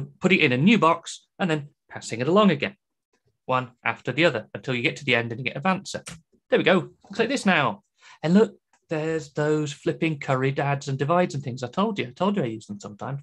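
Slightly high and fairly bright, the voice belongs to a British conference speaker giving an upbeat, conversational programming talk peppered with jokes on the side.

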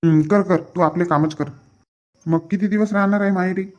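A man's voice: sits high, fairly even intonation, moderate pace, lightly acted. A man playing a young husband who sulks mildly and pleads with his wife to sit with him in a comedy sketch.

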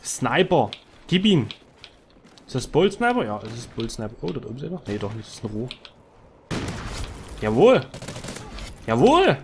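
A man giving excitable live commentary over his own gameplay into a headset microphone, calling out wins and losses. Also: medium pitch, brisk, a little hiss or hum. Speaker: gaming commentator.

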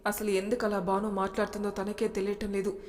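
A woman narrating a romance story in a plain, even reading voice. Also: mid-range voice, fast. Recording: long reverb.

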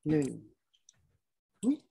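A woman's voice: slow, warm tone. A woman teacher giving a live programming lesson, chatting and thinking aloud as she demonstrates code and checks that her student is keeping up. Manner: speaks to a student by name, checks understanding.

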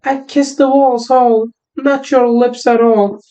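Lovesick maiden from a school Shakespeare scene, a teen boy in falsetto, high and drawn out. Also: level tone, takes it slowly, dark tone, highs cut off. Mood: lovelorn. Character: lovelorn young woman in a school Shakespeare play.

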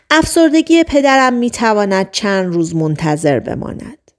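Calm woman narrating an audiobook. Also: fairly high pitch.

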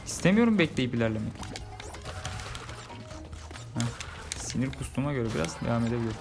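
Over music, a gaming YouTuber narrates his own gameplay in a casual let's-play, cracking jokes and grumbling, repeating the same complaints in frustration. His medium-pitched voice is creaky, brisk, and lively in intonation.

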